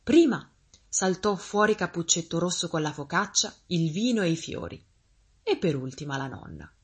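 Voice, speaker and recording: Woman reading a fairy tale, kinda husky and low, really sing-songy and expressive. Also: normal speed. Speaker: storyteller.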